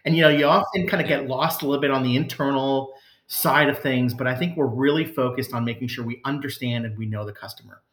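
A man's voice: medium pitch, quick pace, fairly bright tone, roomy sound. A man, a customer service executive, answering interview questions in an earnest, conversational way with frequent fillers and restarts.

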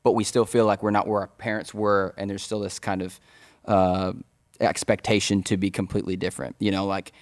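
A young man hosting a podcast, chatting casually in a relaxed, encouraging way and steering the talk. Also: lowish voice, fairly quick, no room sound, clean studio sound. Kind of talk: casual chat.

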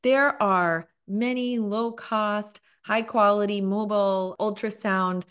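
A woman's voice: medium pitch, fairly even intonation, takes it slowly, fairly bright tone, clear, resonant tone. A woman nonprofit executive speaking in an interview, articulate and enthusiastic as she explains her work.

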